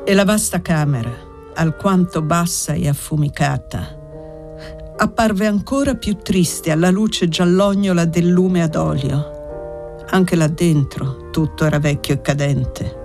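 A reader narrating a classic novel as an audiobook in a steady literary manner. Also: medium pitch, unhurried, faint music behind.

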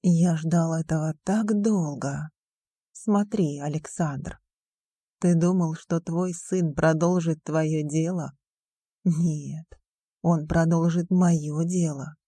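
A woman reading a cold, scheming young man in an audiobook, drawling with slow contempt. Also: low-pitched, fairly even intonation, dark tone, husky, dry recording, exaggerated voice. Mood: gloating. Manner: slow, cold, sneering delivery.

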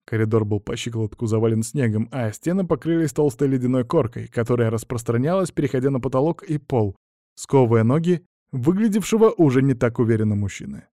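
A man narrating a first-person fantasy audiobook in a steady, even storytelling manner. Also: mid-range voice, brisk, no echo, studio quality.

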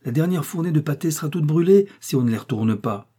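A man's voice: fairly high pitch, lively intonation, fast talker, mellow, husky, voice pushed up. A man doing a pert young cook girl. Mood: alarmed. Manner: pert and insistent. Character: bold, stubborn young female cook.

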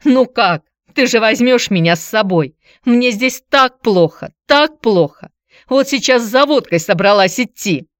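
A woman reading a story, voicing a worn-out, drunken ex-wife who pleads and shouts tearfully. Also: animated, normal speed, no echo, clean studio sound, close to an everyday voice. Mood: tearful clinging. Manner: shrill, pleading, tearful outbursts.

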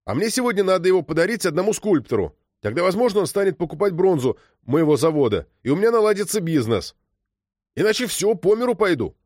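A man voicing a gruff, short-tempered adult businessman who talks bluntly. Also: fairly high pitch, sing-song, a little fast, darkish tone, dry recording, clean studio sound, pitched above the performer's own voice. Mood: exasperated.

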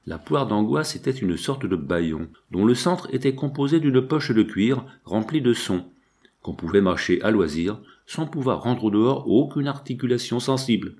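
A man reading a classic novel aloud as an audiobook, in a steady, measured storytelling manner. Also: mid-range voice. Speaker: audiobook narrator. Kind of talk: scripted audiobook narration.

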